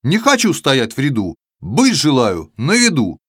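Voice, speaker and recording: A man's voice: mid-range voice, wildly swooping pitch, unhurried, a bit bright, breathy edge, no room sound, clean studio sound, heavily acted. A man voicing a proud, boastful female alphabet letter in a children's verse tale, haughty and demanding. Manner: haughty, then tearful and pleading.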